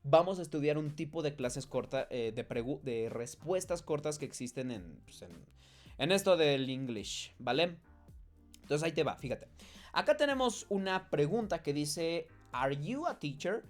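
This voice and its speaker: A man teaching an English lesson in a chatty, encouraging way, slowing down to model English phrases. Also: on the high side, expressive, faint music behind. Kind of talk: casual online lesson.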